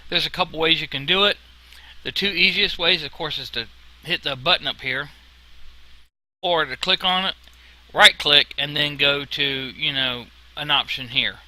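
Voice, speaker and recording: A man narrates an informal screen tutorial in a very bright, sharp voice pitched a little high. His s sounds whistle, and he explains things in a casual, folksy way. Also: normal speed, no room sound, poor audio. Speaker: software tutorial instructor.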